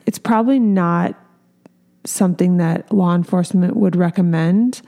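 Woman, 30s, hairstylist and salon owner; candid, earnest casual podcast talk, soft darker tone. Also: lowish voice. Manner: earnest, candid, lots of fillers.

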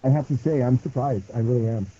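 A man's voice: mid-range voice, fast talker, dark tone, a little hiss or hum. A man co-hosting a podcast, rambling casually through a story discussion, his voice muffled and hollow as if he were in a tunnel. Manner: rambling, restarts often. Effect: muffled hollow sound, as if in a tunnel. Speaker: podcast co-host. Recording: muffled phone-like bad mic.

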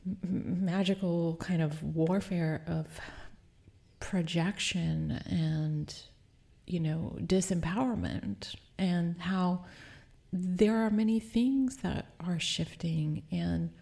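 A woman hosting a podcast, talking alone in a slow, hesitant, reflective way and often sinking into a whisper, with a low morning voice. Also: vocal fry, mellow. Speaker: podcast host. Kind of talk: casual reflective monologue.

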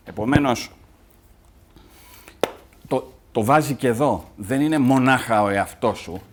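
A man speaks about a classic play at a literary event, explaining its ideas and restarting phrases now and then. His voice sits at a middling pitch for a man.

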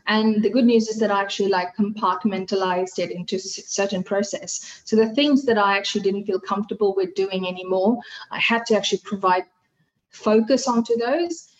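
The audio is dull, and her mid-range voice runs a little fast. A middle-aged woman from Fiji with Hindi as her first language chats lively in a casual podcast interview, restarting often and using plenty of fillers.

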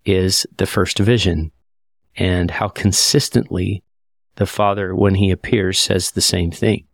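A man with a deep, low voice teaches scripture in an easy conversational way. He sounds earnest and reflective and often slows down to read verses aloud. The sound is dry and close, with no room echo.

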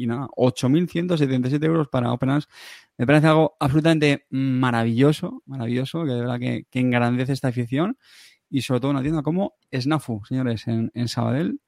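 A man, hosting a casual chat podcast and rambling warmly with fillers. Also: mid-range voice, creaky, dry recording, clean studio sound.

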